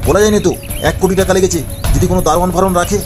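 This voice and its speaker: Bossy gruff cartoon guy, man doing the voice, high and fast, music in the back. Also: fairly even intonation, lightly acted. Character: mixed: gruff old grandfather and gangster boss.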